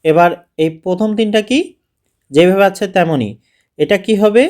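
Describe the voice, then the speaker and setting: A man's voice: high voice, moderate pace, darkish tone. A man teaching a class six math lesson, asking his students questions and answering them himself, often checking with a casual "okay?". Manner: casual, repeats "ঠিক আছে?" to check understanding.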